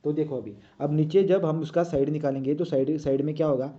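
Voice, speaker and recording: A man's voice: a little high, fairly even intonation, a little fast, mellow. A man teaching a drawing lesson, talking as he draws and checking often with "right?". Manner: talks while drawing, many checks like "right?". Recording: dull lo-fi sound.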